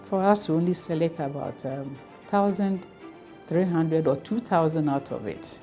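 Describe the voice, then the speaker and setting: A woman's voice: sits low, unhurried, warm tone, soft background music. A Ghanaian woman, a foundation official, speaking in an interview with open emotion. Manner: emotional, addresses interviewer by name.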